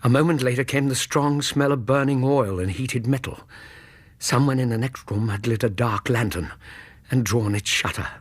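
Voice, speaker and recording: Narrating a radio drama as a loyal companion, an actor plays an earnest Victorian British gentleman with a husky, mid-range voice that sounds natural and dry, without echo. His literary delivery is measured and suspenseful, carrying a tense mood.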